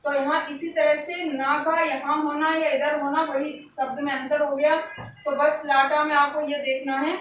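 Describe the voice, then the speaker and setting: A woman teacher giving an exam-prep grammar lesson, slowly working through examples and repeating them. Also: sits high, flat delivery, a bit bright, very echoey, recorded from a distance, a little hiss or hum, poor audio. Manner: slow, repetitive explanation of examples.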